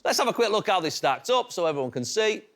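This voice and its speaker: A game show host with a Manchester accent runs a TV quiz in the studio, chirpy and encouraging as he builds suspense over each answer. His voice is high, a bit bright, fast, and very animated.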